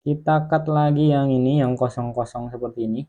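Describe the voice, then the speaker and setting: A man at an ordinary middle pitch narrates a video editing lesson from his screen. He explains at an unhurried pace, one step at a time, while he works. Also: steady tone, warm tone, muffled recording. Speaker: online course instructor.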